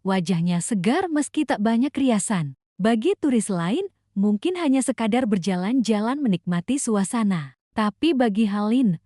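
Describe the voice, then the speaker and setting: Woman, storyteller, scripted narration, calm delivery, dry close sound. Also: medium pitch, normal speed, no room sound.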